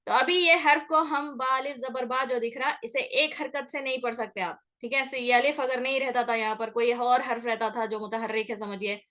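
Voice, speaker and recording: A woman's voice: on the high side, fairly bright tone. A woman teaching Quran recitation rules in a patient lesson, checking in often and stretching sounds out to demonstrate. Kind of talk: explanatory classroom lesson.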